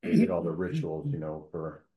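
A man in casual conversation, telling local history at length, halting often with fillers and restarts. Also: very deep voice, reverberant, muffled recording.

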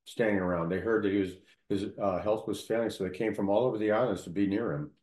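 Male storyteller, very low pitch, halting casual delivery, echoey room. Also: darkish tone. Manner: storytelling, halting with many fillers and restarts. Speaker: local history storyteller. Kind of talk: casual conversation.

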